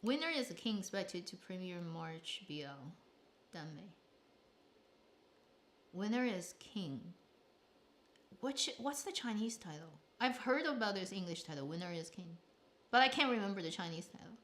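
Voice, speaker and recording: This drama review host speaks in a lowish, fairly bright, expressive voice at a moderate pace, leaving long pauses. Alone on a casual chat, she's opinionated and blunt, rambling with frequent restarts and trailing asides.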